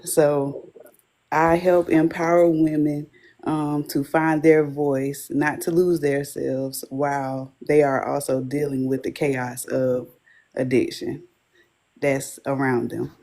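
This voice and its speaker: A woman's voice: low voice, little pitch movement, slow pace, warm tone. A woman who coaches wives of addicts, giving an earnest, faith-filled testimony as an interview guest.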